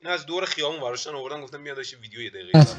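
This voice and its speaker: A man's voice: on the high side, a little mellow, soft background music. A young man hosting a reaction video, mocking and joking about the clips in a casual way.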